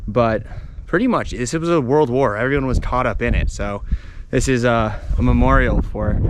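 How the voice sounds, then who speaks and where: This is a man with a medium-pitched voice, heard against background noise. He vlogs his travels unscripted while strolling outdoors, keeping it chatty and informal as he explains his surroundings.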